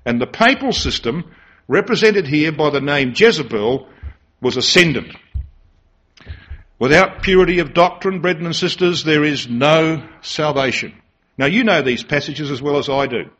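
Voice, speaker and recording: A man's voice: a little high, normal speed, a bit bright, husky. A man preaching a sermon to a congregation. He speaks emphatically and keeps asking rhetorical tag questions. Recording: dull lo-fi recording.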